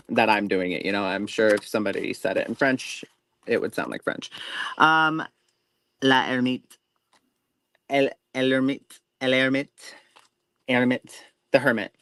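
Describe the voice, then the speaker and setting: A man's voice: mid-range voice, lively intonation, measured pace, fairly bright tone, no room sound, low-quality recording. A man co-hosting a live show, giving a tarot reading in a rambling, self-interrupting way with folksy reassurance. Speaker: tarot reader, co-host.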